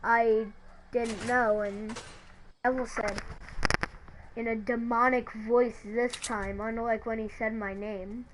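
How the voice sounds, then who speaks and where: Slow, hesitant young-sounding woman narrator. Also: on the high side, flat delivery, a little hiss or hum, rough recording. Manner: hesitant, halting with restarts. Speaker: storyteller. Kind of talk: creepypasta narration.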